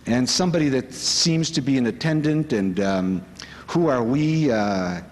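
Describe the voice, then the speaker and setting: A man's voice: medium pitch, animated, measured pace, darkish tone. A man giving an earnest, reflective devotional talk at a spiritual retreat, telling stories to the audience. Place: conference hall. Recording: long hall reverb.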